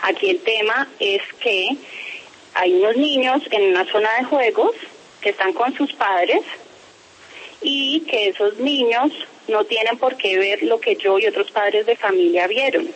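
A woman speaks over a muffled telephone line, with a faint hiss behind her. She is firm and insistent, keeping her wording formal as she answers an interviewer's questions. Her pitch sits in the middle for a woman. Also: a little slow. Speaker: interviewee, parent making a complaint.

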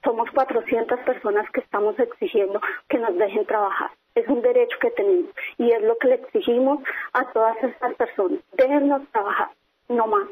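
A woman's voice: a little high, slightly rough. A woman, a company employee interviewed over the phone, speaking firmly and insistently, repeating her points. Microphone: telephone. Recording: tinny phone line.

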